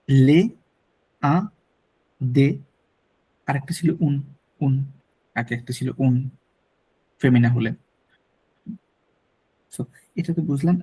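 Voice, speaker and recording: A man teaching an online French lesson, explaining slowly, repeating words and mixing in English. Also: on the high side, a little mellow, husky.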